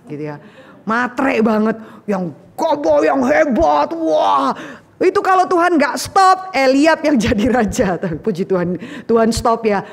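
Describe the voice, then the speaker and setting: A woman preacher giving a sermon, telling the story in a lively way with casual slang and acting out the voices of the people in it. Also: fairly high pitch, big-room sound.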